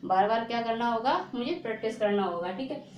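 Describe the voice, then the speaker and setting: A woman's voice: fairly high pitch, lo-fi sound. Woman teaching with rhetorical questions, echoey room. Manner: repeats words slowly and asks rhetorical questions. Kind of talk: spelling lesson to viewers. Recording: echoey room with faint noise.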